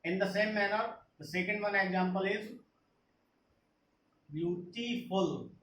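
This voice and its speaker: A man with an Indian English accent, teaching an English grammar lesson slowly, repeating each point. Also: sits high, fairly bright tone. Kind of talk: slow classroom explanation, mixing Hindi and English. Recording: echoey room with faint noise.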